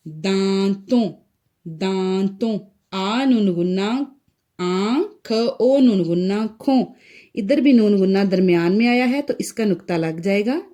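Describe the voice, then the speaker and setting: Pakistani Urdu-accented woman teacher for a kids' writing lesson; unhurried, mellow delivery. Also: medium pitch, lively intonation. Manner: slow, spells out letters one by one. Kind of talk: recorded Urdu writing lesson for young children.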